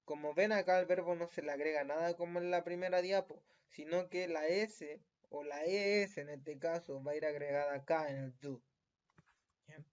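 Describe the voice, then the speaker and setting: A man with a Chilean Spanish accent, his voice a little high with fairly even intonation, teaches a recorded lesson at a moderate pace. He is patient and checks in with the listener after almost every point, often using tag questions. The recording is dull and lo-fi.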